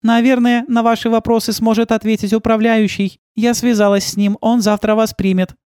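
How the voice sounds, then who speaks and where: A courteous female robot guide with even, helpful speech, as a reader puts her on. The voice is raised well above the reader's own. The recording is close and dry. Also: mid-range voice, normal speed, smooth, no echo, pitched above the performer's own voice, close to an everyday voice. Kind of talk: audiobook role-play.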